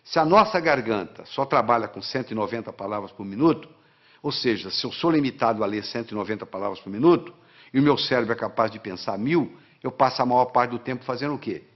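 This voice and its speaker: A man's voice: mid-range voice, expressive, quick pace, lo-fi sound. A man gives an instructional talk in an emphatic, didactic way, counting out steps and repeating key phrases. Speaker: guest teaching study techniques.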